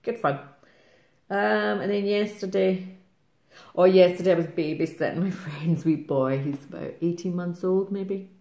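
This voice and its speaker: A middle-aged Scottish woman chatting casually to camera in a fast, rambling way, laughing often. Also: lowish voice, mellow. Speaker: craft vlogger. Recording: roomy echo.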